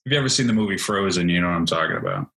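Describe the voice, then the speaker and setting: A man's voice: sits low, expressive, racing, vocal fry, crowd noise, poor audio. A man in his forties from New Hampshire, a guest telling his story in a casual interview with many fillers and restarts. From New Hampshire, USA. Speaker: guest, Army veteran.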